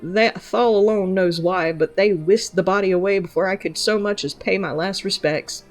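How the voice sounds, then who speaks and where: A woman's voice: medium pitch, moderate pace, faint music behind, natural voice. A woman reading aloud as a grieving mother in a game, with old-fashioned speech full of "aye" and "ye". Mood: mournful.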